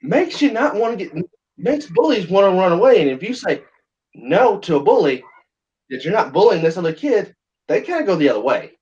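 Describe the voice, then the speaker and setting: A man's voice: high-pitched, big pitch swings, a little fast, a little mellow. A man hosting a livestream, chatting in a rambling, blunt and crude joking way. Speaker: livestream host. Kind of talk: rambling casual chat. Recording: dull lo-fi sound.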